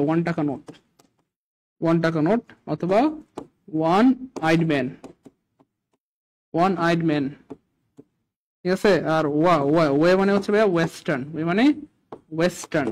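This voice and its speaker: A man teaching a live exam-prep class, animated and constantly quizzing his students, weaving religious phrases into his lesson. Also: high voice, low-quality recording. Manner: animated, keeps asking students questions.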